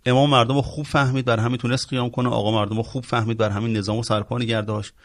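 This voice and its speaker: A man's voice: mid-range voice, flat delivery. A man, a podcast guest, speaking earnestly and with emphasis in a discussion.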